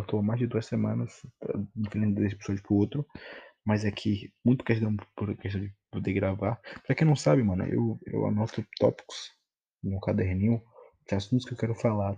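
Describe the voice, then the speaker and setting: A man's voice: lowish voice, creaky, warm tone, breathy edge, dull audio. A young Brazilian man from Bahia rambling casually as a solo podcast host, in heavy informal street slang with some swearing. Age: young adult.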